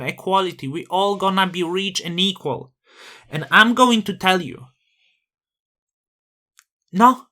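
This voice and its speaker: On his crypto channel, a man with a noticeable non-native accent talks casually to the screen in a grandiose, self-promoting persona, posing one rhetorical question after another. His voice is high, pushed, and bright.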